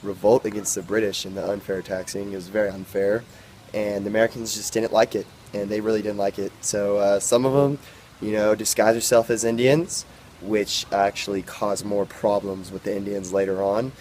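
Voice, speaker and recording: A teenage boy plays a live field reporter in a homemade mock news report, halting constantly with uh and um. His voice is fairly low. A faint hiss sits behind him. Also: flat delivery, darkish tone. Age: teens. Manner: halting, full of uh and um. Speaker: field reporter in a school video project.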